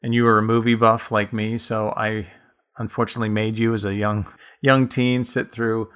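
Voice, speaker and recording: A man with a fairly low voice that still sounds bright and forceful, talking through his writing process on a casual podcast. He tells stories at length and reflects as he goes. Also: flat delivery, normal speed, smooth. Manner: long rambling reflective storytelling. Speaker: author and podcast co-host.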